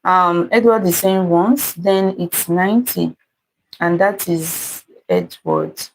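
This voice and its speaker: Her voice is fairly low and very animated, with a bit of hiss or hum on a rough recording. This Nigerian-accented host runs a live math puzzle stream, calmly reading comments and repeatedly welcoming and thanking viewers by name.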